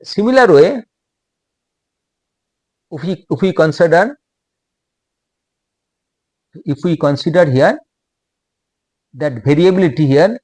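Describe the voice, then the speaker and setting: A man with an Indian English accent giving a technical lecture, speaking in short halting phrases and repeating himself. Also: on the high side, expressive, a little mellow, dry recording.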